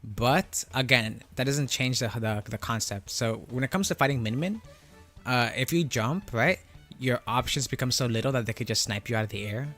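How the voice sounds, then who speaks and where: A man's voice: medium pitch, normal speed, fairly bright tone. A man whose voice runs through a voice changer, chatting casually as a gaming streamer and explaining things, often checking in with "right?" and "you know?". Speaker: livestreamer answering chat about a fighting game. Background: music.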